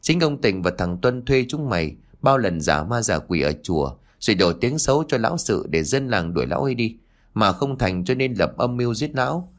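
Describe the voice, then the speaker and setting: A man's voice: lowish voice, sing-song, moderate pace. A man voicing a sly scheming villager who sneers and makes accusations in a spoken ghost story. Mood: sneering.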